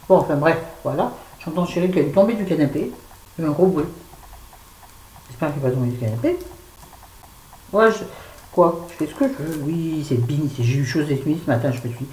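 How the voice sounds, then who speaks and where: A woman's voice: sits low, expressive, normal speed, long pauses, dark tone. A woman in her fifties chatting frankly to camera at home, rambling and self-mocking, stressed and irritable. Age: 50s. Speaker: vlogger. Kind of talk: casual unboxing chat to camera. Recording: echoey room with faint ambience.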